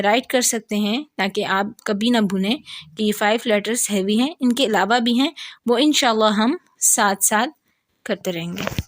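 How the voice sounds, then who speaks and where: A woman with a Pakistani Urdu accent teaching Quran letter pronunciation. She speaks patiently and repeats each sound slowly several times. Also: mid-range voice, dry recording, studio quality. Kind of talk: recorded lesson.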